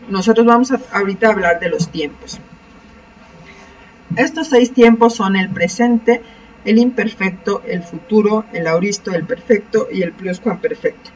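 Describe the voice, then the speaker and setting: A woman teacher giving a recorded lesson, methodical and patient, slowing down to carefully pronounce each term before explaining it. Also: medium pitch. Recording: dull, distant mic.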